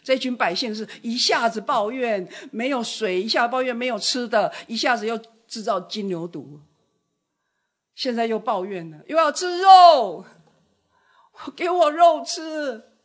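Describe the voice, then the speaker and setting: A woman gives a sermon at a moderate pace, her fairly high voice carrying a husky, breathy edge. She preaches with drama, moving from loud outbursts down to soft, hushed speech.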